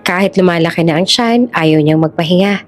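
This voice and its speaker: A woman narrating a scripted story in an even, measured way. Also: on the low side.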